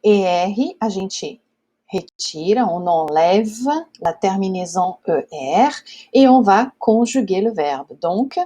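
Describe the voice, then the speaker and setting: A woman's voice: medium pitch, lively intonation, takes it slowly, mellow. A Brazilian woman teaching French grammar step by step, patient, checking in often with her students. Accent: Brazilian Portuguese. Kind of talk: whiteboard grammar lesson.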